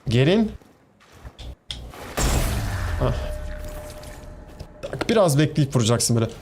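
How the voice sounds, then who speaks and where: A man's voice: mid-range voice, very animated, slow pace, darkish tone, slight background noise. A man with a Turkish accent giving casual, chatty commentary while streaming a game, talking back to enemies and to his viewers. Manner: chatty, talks to the game's enemies and to viewers, laughs easily.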